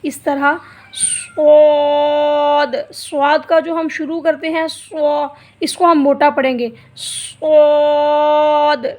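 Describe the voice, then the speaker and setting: A Quran teacher with a high voice leads a slow, step-by-step reading lesson for beginners. She patiently explains each group of letters and stretches their sounds out to demonstrate, keeping her intonation fairly even.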